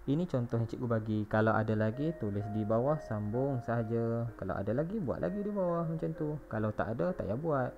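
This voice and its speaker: A man's voice: medium pitch, lively intonation, fairly quick, few pauses, noisy background. A male primary school teacher with a Malaysian Malay accent, patiently walking young pupils through a recorded lesson and spelling words out letter by letter. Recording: dull lo-fi recording with faint music.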